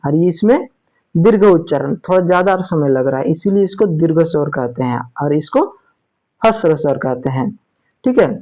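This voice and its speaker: In a spoken Sanskrit grammar lesson, the teacher frequently poses a question and then answers it, repeatedly checks in with "theek hai", and stretches out example sounds slowly. The voice sits at medium pitch, animated and dark in tone.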